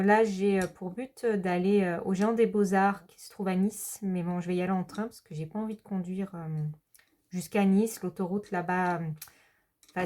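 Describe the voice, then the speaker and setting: A woman chats casually to her viewers in a relaxed vlog. She rambles and hesitates, with plenty of pauses as she goes. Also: mid-range voice. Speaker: hobby vlogger.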